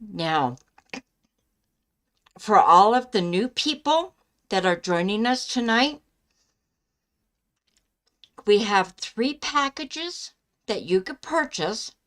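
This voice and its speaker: A woman chatting casually as a live stream host, speaking in a halting way with pauses mid-sentence. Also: mid-range voice, lively intonation, fairly bright tone. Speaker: live stream host giving psychic love readings.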